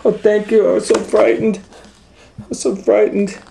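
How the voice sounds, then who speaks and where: A man's voice: high voice, little pitch movement, normal speed, gravelly, dark tone, slight background noise, voice pushed up, rough recording. A man voicing a frightened, polite little girl in a children's storybook, exclaiming anxiously. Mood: relieved, shaken. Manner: exclaiming, wide-eyed and anxious. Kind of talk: children's storybook read-aloud.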